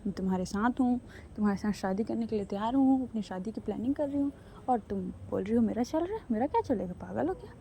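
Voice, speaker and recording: An evasive young woman who calms her suspicious partner down, played by a woman narrator. Her reassurances come in a mellow, darkish voice pitched a little high. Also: fast, creaky, a little hiss or hum. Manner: brushing off, reassuring.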